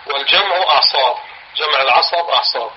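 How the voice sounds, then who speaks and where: A man with a Levantine Arabic accent teaching a religious lesson, explaining slowly, repeating phrases and dictating notes to his class. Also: on the high side. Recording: dull lo-fi recording, faint hiss.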